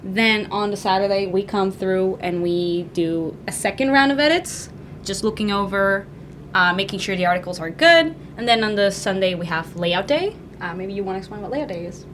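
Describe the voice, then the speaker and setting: A young woman from Peru, a student editor-in-chief, answering interview questions in a friendly, soft-spoken way with some uhs. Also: mid-range voice, normal speed, a little hiss or hum. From Lima, Peru. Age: young adult.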